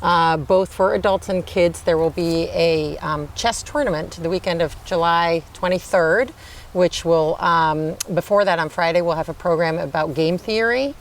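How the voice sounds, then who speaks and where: A woman speaking informally as an interview guest, explaining things in a halting, informative way. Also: fairly low pitch, slight background noise. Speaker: assistant librarian, interview guest.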